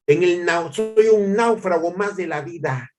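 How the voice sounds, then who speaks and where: A male pastor putting on the voice of a weary male churchgoer who says he is barely surviving, in a higher, self-pitying tone. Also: unhurried, over music. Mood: despondent.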